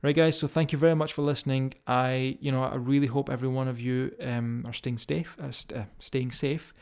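A man's voice: medium pitch, steady tone, a little fast, a little mellow, smooth. A man with a strong Scottish accent, talking informally and directly to listeners as a fitness coach hosting a podcast. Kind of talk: casual motivational podcast talk.

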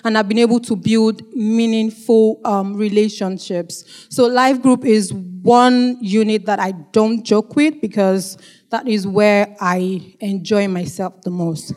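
A woman's voice: mid-range voice, steady tone, darkish tone. Careful-English woman with an accent, giving testimony. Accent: non-local accent. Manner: careful, deliberately slow English. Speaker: church member giving a testimony. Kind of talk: personal testimony to a congregation.

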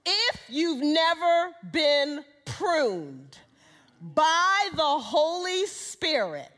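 A woman in her sixties or older preaching a sermon, speaking to a live congregation and swinging from quiet lines to shouted highs. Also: sing-song, very slow. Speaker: guest speaker, minister. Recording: reverberant hall.

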